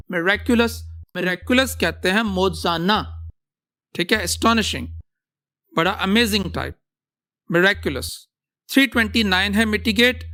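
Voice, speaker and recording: A mid-pitched teacher with a Pakistani accent lectures to a class in a steady, patient way. The teacher keeps asking the students what a word means, answers at once, and takes each word apart into its roots. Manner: asks students questions and answers them, breaks words into roots.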